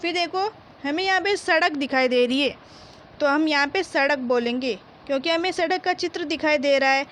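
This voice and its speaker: A woman teaching a reading lesson to young children. She reads words slowly, one sound at a time and then whole, and asks simple questions that she answers herself. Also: sits high, a bit bright, slight background noise. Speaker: primary school teacher.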